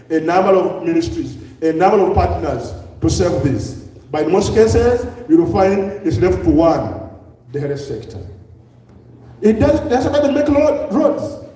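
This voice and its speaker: A man's voice: high-pitched, animated, moderate pace, dark tone. Ugandan man lecturing in an echoey hall. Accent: Ugandan English. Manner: asks the audience many rhetorical questions. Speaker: public health speaker. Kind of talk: lecture to a live audience. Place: large hall with an audience. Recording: echoey hall, distant mic.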